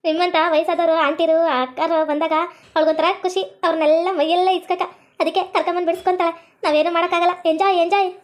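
A woman's voice: very high-pitched, level tone, fast talker. A woman playing a dramatic village woman with a North Karnataka accent, wailing and scolding as she cries for help. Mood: panicked. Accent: North Karnataka Kannada. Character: loud, dramatic village woman locked in a cell.

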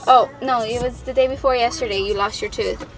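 A woman's voice: fairly high pitch, fairly even intonation, fairly quick, soft background music, poor audio. A young adult woman chatting casually to camera as a family vlogger, recorded on a phone held at arm's length. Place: home living room, later inside a car at night.

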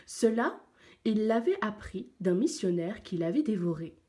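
A woman teacher reading a picture book aloud to young pupils, slow and expressive. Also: medium pitch.

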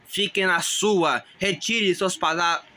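A man's voice: sits high, takes it slowly, a little hiss or hum, full character voice, low-quality recording. A man doing a sneering dinosaur villain. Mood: taunting. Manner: taunting, laughing scornfully. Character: boastful mocking male dinosaur villain. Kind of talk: homemade toy-dinosaur movie voice acting. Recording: loud music underneath.

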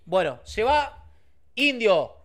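A man with an Argentine accent hosting a casual livestream from his bedroom, telling stories with lively shouted sound effects. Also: high-pitched, slow pace. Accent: Argentine Spanish. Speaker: streamer host. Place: home bedroom.

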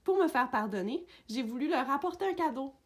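A woman reading a picture book aloud for young children, narrating gently in a dog's voice of first person. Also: high voice, lively intonation, brisk, slight background noise. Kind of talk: read-aloud storybook narration.

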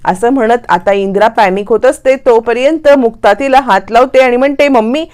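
Woman storyteller, casual plot recap, a bit higher voice. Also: moderate pace, darkish tone. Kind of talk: casual retelling of a TV serial episode.

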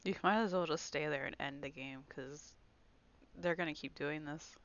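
A woman's voice: sits low, moderate pace. A woman gamer in casual voice chat, teasing her friend and laughing often, on a dull lo-fi recording.

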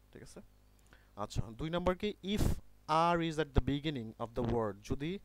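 A man from Bangladesh with a Bangladeshi accent, teaching an online IELTS lesson in a mix of Bangla and English, checking often that students follow and reading English rules out slowly. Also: mid-range voice.

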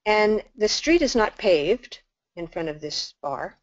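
An older woman tells a story in a talk, animated and acting out each exchange. Her voice sits at a middle pitch. The recording is dull and lo-fi, with a dry, close sound. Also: slow pace, no echo. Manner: animated storyteller, acts out dialogue. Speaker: nun giving a talk.

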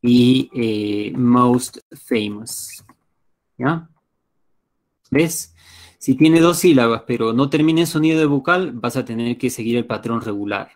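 A man's voice: mid-range voice, slow. Man, Peruvian Spanish accent, patient teacher, explains and checks in, computer mic. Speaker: English teacher. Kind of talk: live online class.

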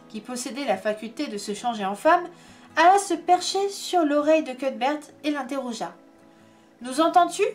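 A woman reading a storybook aloud in an expressive, measured storytelling manner. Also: high voice. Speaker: reader. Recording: faint background music.

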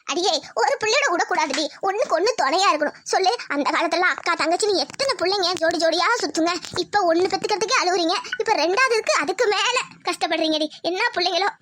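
A woman's voice: very high-pitched, fast talker, few pauses, a bit bright, a little hiss or hum. A woman voicing a bossy but caring older village woman neighbor in a cartoon, scolding and motherly. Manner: scolding, motherly, dialect-heavy. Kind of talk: cartoon voice acting.

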